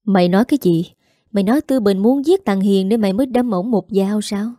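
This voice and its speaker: Scornful woman , a woman reading her, sneering, warm low-bright voice. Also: fairly quick, no room sound, studio quality, close to an everyday voice. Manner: sneering, scolding, later falsely sweet.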